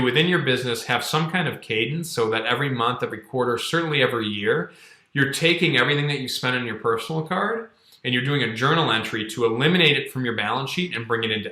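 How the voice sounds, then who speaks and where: In an echoey room, a male accounting instructor in his thirties runs a casual screen-share tutorial with a mid-range, pushed, bright voice. He stays conversational and explanatory, moving step by step with frequent "okay"s and "all right"s.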